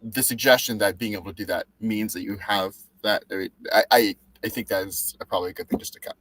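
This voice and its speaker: A man with a low voice, recorded close and dry with no room sound. He speaks in a measured, precise way and builds long, careful sentences. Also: fairly even intonation, fairly bright tone, no echo, rough recording. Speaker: co-host reviewing copywriting. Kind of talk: casual panel critique.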